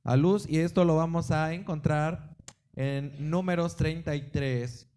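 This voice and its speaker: A man's voice: fairly high pitch, steady tone, measured pace, a little mellow. A man preaching a Sunday sermon in a church service, emphatic, with swings in volume and frequent exclamations to the congregation. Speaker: pastor.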